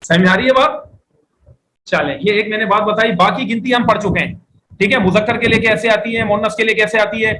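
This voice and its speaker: A man teaching an Arabic class, explaining step by step, asking the students questions and reading phrases slowly for them to repeat. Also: sits high, steady tone, sharp tone, slight background noise, low-quality recording. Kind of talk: classroom lecture.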